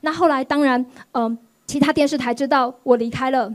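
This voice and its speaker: A woman pastor, giving a sermon testimony in an animated storytelling way. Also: high-pitched, a little fast. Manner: animated storytelling, acts out quoted voices.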